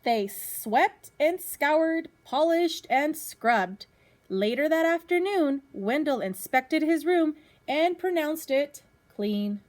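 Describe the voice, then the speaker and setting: Reading a children's picture book aloud as a teacher might, a woman pitches her voice high and keeps it animated, pausing to quiz the young listeners.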